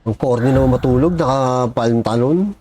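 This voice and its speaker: A man's voice: medium pitch, moderate pace, mellow, a little hiss or hum. A man giving casual reaction commentary on a video, chatting to viewers and cursing when startled. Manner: jumpy, exclaims and curses when startled.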